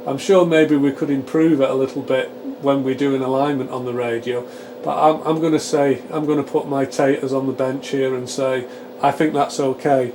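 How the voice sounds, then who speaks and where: The presenter of a radio repair channel talks at normal speed in a medium-pitched voice, narrating a hands-on demonstration live and explaining each step as he thinks it through. A steady hum from cooling fans fills his small home workshop.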